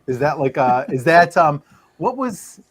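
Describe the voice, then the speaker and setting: A man hosting a livestream chat show, talking in a loose, halting way with lots of fillers. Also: on the high side, very animated, over a noisy crowd. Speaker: host.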